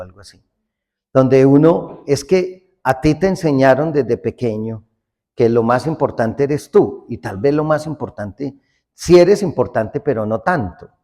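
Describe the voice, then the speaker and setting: A man's voice: medium pitch, lively intonation, normal speed, dark tone. A man with a Colombian accent preaching a humorous sermon as a priest, folksy and joking, acting out small everyday dialogues. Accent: Colombian Spanish. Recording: long hall reverb.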